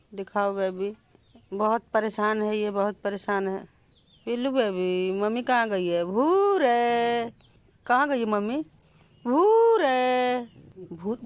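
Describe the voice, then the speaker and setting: Woman coaxing a puppy. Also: mid-range voice. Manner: coaxing baby talk to a puppy, sudden sharp scolding calls. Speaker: vlogger. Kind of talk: casual home vlog.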